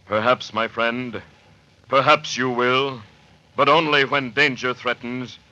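Slow, solemn, noble western hero. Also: male voice, mid-range voice, fairly even intonation, sharp tone, lo-fi sound. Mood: solemn, calm. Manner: measured, formal, solemn. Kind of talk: 1940s radio western acting. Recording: noisy vintage radio recording.

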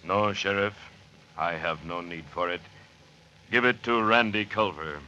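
A noble western radio hero, solemn and formal. He speaks slowly and deliberately in a very bright, cutting voice, over clear hiss from an old recording. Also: sits low, muffled recording, full character voice. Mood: solemn, calm. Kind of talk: 1940s radio western acting. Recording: noisy vintage radio recording.

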